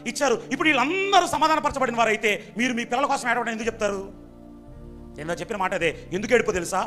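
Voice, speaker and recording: High-voiced, rapid pastor questioning his congregation. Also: soft background music. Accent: Telugu. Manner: quizzes the congregation with repeated questions; swings between loud exhortation and low asides. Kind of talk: sermon. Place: church hall during a Sunday service.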